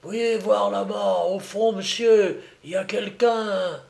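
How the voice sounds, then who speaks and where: A man voicing a gruff, pious old male sailor in an audiobook, talking in loud, rough exclamations. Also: high-pitched, fairly even intonation, slow, voice pushed up, exaggerated voice. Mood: fierce, excited.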